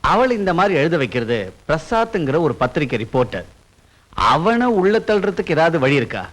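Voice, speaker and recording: A menacing schemer. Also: male voice, fairly high pitch, very animated, fairly quick, a bit bright. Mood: scheming. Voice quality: cold, threatening. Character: scheming powerful middle-aged man, threatening. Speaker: menacing official. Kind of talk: dubbed film dialogue.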